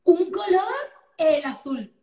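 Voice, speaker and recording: A woman in her thirties from Valencia, Spain, with a Spanish accent, chats casually as an interview guest on a phone video call from her living-room sofa. She's animated and exclaims often, speaking slowly in an extremely high voice. The phone is held at arm's length, and the lo-fi live stream carries a roomy echo.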